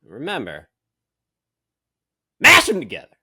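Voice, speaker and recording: Male podcast co-host, bright and very lively voice, dry close sound, teasing and casual. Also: sits high, measured pace, gravelly, slightly rough, no echo. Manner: teasing, animated. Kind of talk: casual chat, reading quiz questions. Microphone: phone camera.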